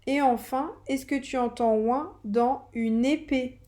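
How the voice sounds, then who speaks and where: Slow, patient woman teaching reading. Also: high voice, mellow. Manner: slow, patient, spelling out sounds for a child. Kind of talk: reading lesson for young children.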